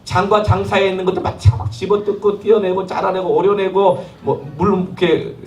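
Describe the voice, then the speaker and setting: A man's voice: high-pitched, flat delivery, brisk, darkish tone. A man, a pastor, preaching a sermon and telling a personal story with quoted dialogue. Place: temporary worship hall in a school. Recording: echoey hall, mic at a distance, faint ambience.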